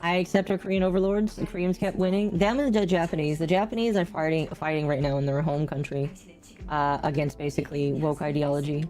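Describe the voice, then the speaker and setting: Woman game streamer, low voice, robotic voice changer, chatty amused commentary, faint music behind. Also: steady tone, brisk, darkish tone. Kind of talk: casual live-stream chat while gaming.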